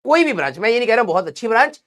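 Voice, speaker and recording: A man's voice: very high-pitched, very animated, very fast, fairly bright tone. A man who teaches exam students, giving a direct, fatherly motivational talk and repeating his key points.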